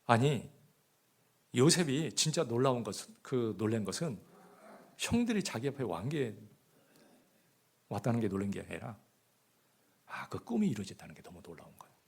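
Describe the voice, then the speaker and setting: A man preaching a sermon as pastor, often asking the congregation rhetorical questions, swinging between loud emphasis and hushed asides. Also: mid-range voice, very animated, moderate pace, vocal fry, pauses often, slightly rough. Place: church.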